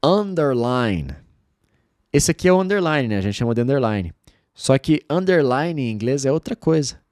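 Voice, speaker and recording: A man whose first language is Portuguese, teaching English in an online lesson and drawing out model words slowly so that learners can repeat them. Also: medium pitch, lively intonation, a little mellow, dry recording, studio quality.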